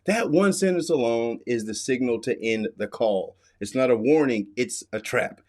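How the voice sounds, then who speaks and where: A middle-aged American expert host speaks in a mid-range, slightly mellow voice at a moderate pace. He gives emphatic, instructive explainer commentary and goes back over the main warnings repeatedly.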